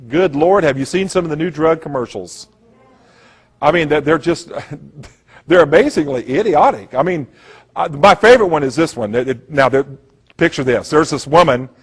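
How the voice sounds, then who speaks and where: A man's voice: a little high, slightly rough. Emphatic man giving a talk. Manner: emphatic, repeats "listen to me"; acts out voices in anecdotes. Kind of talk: conspiracy lecture.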